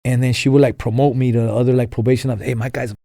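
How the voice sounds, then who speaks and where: A young man from Los Angeles, appearing as a podcast guest, tells his story in a rambling, casual interview packed with fillers and restarts. He speaks very fast at a medium, level pitch, with a creaky, mellow voice. The studio-quality recording has no echo.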